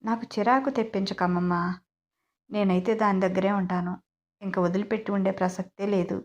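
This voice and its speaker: A woman's voice: mid-range voice, fairly even intonation, fairly quick, lo-fi sound, lightly acted. A woman voicing a brash, playful young groom who teases and insists. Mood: insistent. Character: bold teasing young man, newly married groom.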